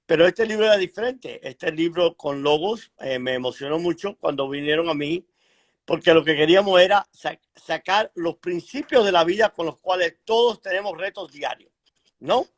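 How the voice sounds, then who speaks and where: A middle-aged man from Cuba tells his story as a guest author. His voice sits a little high, and he speaks in a frank, measured way with hesitations. He is heard over a video call. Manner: frank, measured, frequent hesitations and throat clearing. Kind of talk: conversational interview storytelling.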